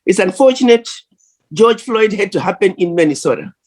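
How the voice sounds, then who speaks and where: A woman speaking at a virtual conference, delivering an earnest, measured address over a video call. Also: medium pitch, animated, a little mellow. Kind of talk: formal address.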